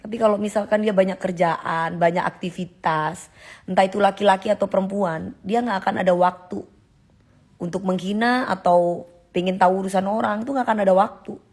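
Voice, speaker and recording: A woman, hosting a live stream. Her mid-range voice has a gravelly, fry-tinged edge. She answers viewer comments in an emphatic, chatty way. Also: medium pitch, fairly even intonation, fairly quick, a little mellow. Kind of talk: casual live-stream chat.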